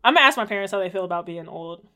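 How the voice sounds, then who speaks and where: A young woman in her twenties co-hosting a laid-back podcast, talking easily with frequent "like"s and quick laughs. Her voice is bright and forceful. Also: mid-range voice, animated. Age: 20s. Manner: chatty, lots of "like" fillers and quick laughs. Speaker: podcast co-host. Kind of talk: casual chat.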